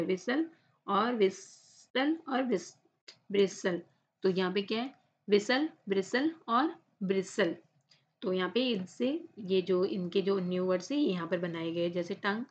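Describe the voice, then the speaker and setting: Woman teaching a class lesson, reading english slow then explaining in hindi, kinda muffled recording. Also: mid-range voice. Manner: repeats the filler "kya hai" often, reads English slowly then explains in Hindi. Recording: slightly dull lo-fi recording.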